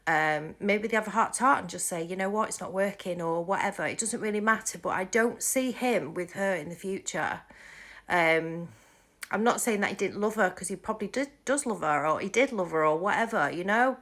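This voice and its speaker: A woman's voice: medium pitch, fairly quick, a bit bright. A woman vlogging about her psychic readings in a casual monologue, rambling and hesitant with many ums and restarts.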